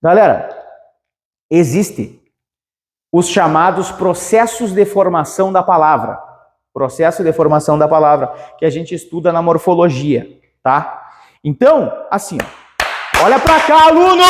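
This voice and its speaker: A man teaching a grammar lesson for exams, energetic and playful, stretching out key words. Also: high voice, big-room sound. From southern Brazil. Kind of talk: exam-prep grammar lesson.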